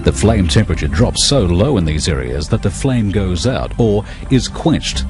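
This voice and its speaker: A deep-voiced man narrates a scripted technical script for an educational film over music. He is very animated, yet his manner remains measured, explanatory and impersonal.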